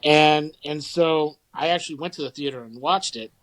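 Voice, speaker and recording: A man's voice: a little high, moderate pace, fairly bright tone, rough recording. A man, co-hosting a podcast in casual, rambling chat full of fillers and restarts. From St. Louis area, Midwest US. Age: 40s. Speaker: podcast co-host.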